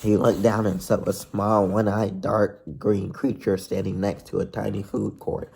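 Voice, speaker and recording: A man's voice: lowish voice, little pitch movement, a little slow, gravelly, dark tone, a little hiss or hum. A man reading a children's novel aloud who stumbles and restarts now and then. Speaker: reader of a novel.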